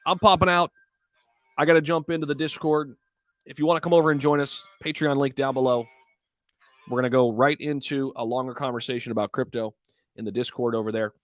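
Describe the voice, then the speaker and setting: A man's voice: mid-range voice, fairly even intonation, fast talker, no room sound, faint music behind. A man hosting a casual crypto livestream, talking to viewers in hyped, slangy crypto bro style.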